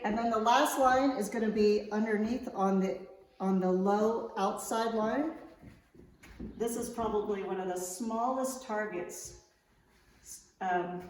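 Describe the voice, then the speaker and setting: A woman's voice: mid-range voice, a little mellow. A woman coaching a fencing class, explaining technique step by step in an informal, checking-in way. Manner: informal, checks understanding with okay. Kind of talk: instructional demonstration, explaining step by step. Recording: very echoey large room.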